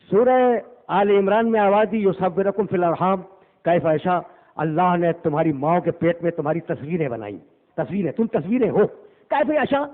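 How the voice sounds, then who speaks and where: Male cleric, sermon delivery with loud declaiming and low murmurs; high, raspy voice on a lo-fi recording. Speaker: Shia cleric delivering a majlis. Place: imambargah hall. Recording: tinny phone-like lo-fi recording.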